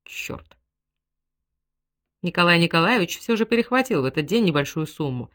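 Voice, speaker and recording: Woman narrating an expressive audiobook. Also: on the low side, fast. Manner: expressive, dramatic reading. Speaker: audiobook reader. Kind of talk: scripted literary narration.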